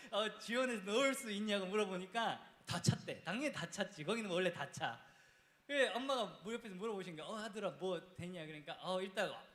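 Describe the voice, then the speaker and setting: A man from Busan, a church youth teacher telling his own story to a youth group in a casual, animated way. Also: sits high. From Busan, South Korea. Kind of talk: testimony talk to church youth. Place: church basement hall. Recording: echoey hall.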